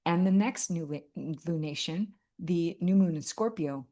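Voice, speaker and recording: A woman's voice: on the low side, a little slow, dark tone. A woman talking to camera about astrology in a casual, heartfelt way, earnest and full of fillers and restarts. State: tearful at moments. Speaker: astrology vlogger.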